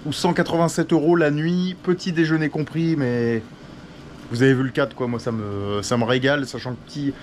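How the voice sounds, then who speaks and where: A man's voice: mid-range voice, fairly even intonation, a little fast, a little hiss or hum. Slangy French vlogger man in a hotel room. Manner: slangy, chatty, addresses viewers as "les gars" and "les loulous"; calls himself "le tonton" in the third person. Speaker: travel vlogger. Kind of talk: casual vlog chat to camera.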